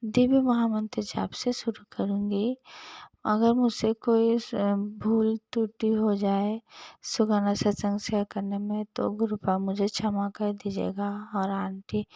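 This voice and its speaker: Soft-spoken woman with a gravelly edge. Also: medium pitch, no echo. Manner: soft, earnest storytelling, drops to near whisper at times. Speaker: devotee sharing a satsang testimony. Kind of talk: devotional personal testimony.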